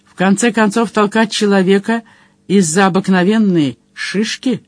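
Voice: medium pitch, moderate pace, dry recording, close to an everyday voice. An irritable young man, as a reader puts him on, grumbling and exasperated in short snapped lines. The audiobook recording is close and dry, with no room sound. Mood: irritated. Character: irritable young human man, lost traveler. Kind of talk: audiobook character voice.

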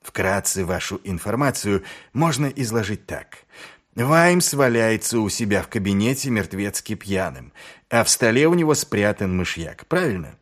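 A man voicing a weary, sardonic middle-aged male watch commander in an audiobook, speaking low and dry. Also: very animated, normal speed. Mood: mocking. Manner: dry, mocking, low and subdued.

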